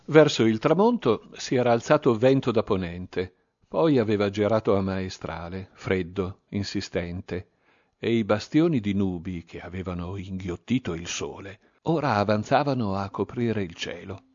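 A man reading a first-person story aloud in a measured, tender way, with quiet emotion. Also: on the low side, dry recording, highs cut off. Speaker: narrator. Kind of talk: scripted audiobook narration.

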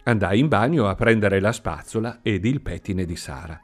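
A man reading a story aloud in an expressive, sing-song storytelling manner. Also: on the low side, normal speed. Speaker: narrator. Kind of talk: audiobook reading. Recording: faint music behind.

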